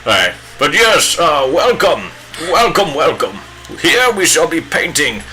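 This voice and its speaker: A man's voice: a little high, big pitch swings, pushed and bright, faint music behind, heavily acted, poor audio. A man playing a pompous bearded old wizard with a put-on British accent, hamming it up while he paints live. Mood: grandiose. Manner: hammy, drawn-out theatrical wizard speech.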